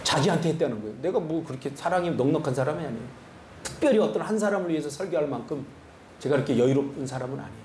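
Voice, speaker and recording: A male pastor giving an animated sermon full of rhetorical questions to his congregation. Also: on the high side, racing, reverberant, slight background noise. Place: church sanctuary.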